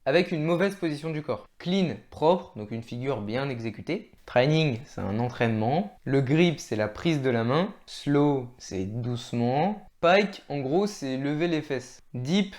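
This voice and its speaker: A man's voice: medium pitch, darkish tone. A man, a fitness video creator explaining training vocabulary in a casual, chatty way and laughing at himself now and then. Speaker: fitness YouTuber.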